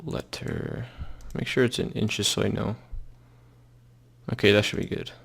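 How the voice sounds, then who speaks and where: A young man talks through his screen tutorial in a loose, halting way, trailing off and restarting often. His voice sits on the low side with a gravelly edge. Keyboard typing can be heard behind him. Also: fairly bright tone. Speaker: software tutorial maker. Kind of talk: casual screen-recorded tutorial.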